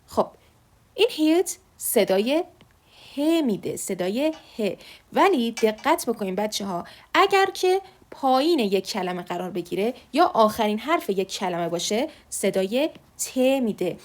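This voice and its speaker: A woman teaching Korean letters, patiently repeating each sound slowly. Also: on the high side, big pitch swings. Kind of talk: online alphabet lesson.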